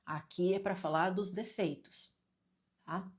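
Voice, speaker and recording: A woman's voice: lowish voice, steady tone, slow pace. A Brazilian woman hosting a live stream and guiding viewers through an exercise. She reads their comments aloud and talks to them in a direct, teasing way, repeating points and pressing them.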